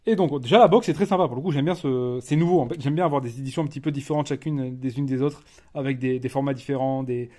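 A French-accented man talks through an unboxing in a loose, casual way. He stops and restarts often and fills the gaps with hesitations. His voice sits at an ordinary middle pitch for a man. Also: quick pace, warm tone. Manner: chatty, hesitant, many fillers and restarts. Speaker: collector reviewing a disc edition.

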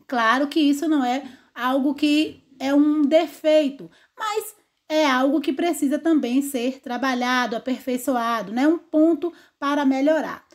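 A Brazilian woman teaching a recorded online lesson, her voice sitting high. She explains each point patiently and keeps checking in with her students through little tag questions. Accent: Brazilian Portuguese. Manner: didactic, frequent tag questions. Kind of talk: online class lecture.

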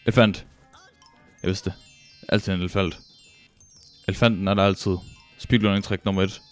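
A young man with a Danish accent, commentating a speedrun live, excitable and joking with frequent swearing. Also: deep voice, soft background music. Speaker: streamer.

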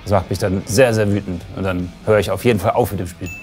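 A man telling a rapid, annoyed anecdote about failing a boss fight. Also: deep voice, steady tone, darkish tone, faint music behind. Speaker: games show regular. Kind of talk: casual anecdote.

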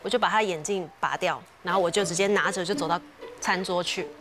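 A woman's voice: lowish voice, fast. A woman from Taiwan, a guest telling a personal story vividly on a TV variety show. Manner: vivid storytelling, acting out quoted voices. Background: background music.

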